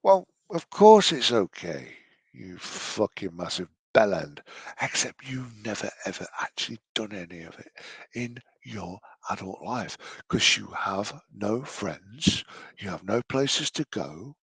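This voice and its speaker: Deep-voiced sarcastic Englishman, close and dry. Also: big pitch swings, measured pace, fairly bright tone, slightly rough, no room sound. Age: late 40s. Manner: sweary, sarcastic. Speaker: commentator reacting to a vlog. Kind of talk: mocking reaction commentary.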